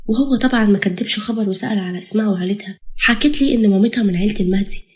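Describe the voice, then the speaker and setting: A woman's voice: mid-range voice, very fast, darkish tone, lightly acted. A woman doing a young man confessing. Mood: resigned. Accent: Egyptian. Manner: resigned, confessional.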